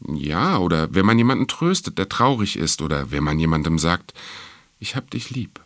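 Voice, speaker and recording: A man voicing a wise, kind fox in a storybook reading, calm and gently explaining. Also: low-pitched, no room sound, full character voice.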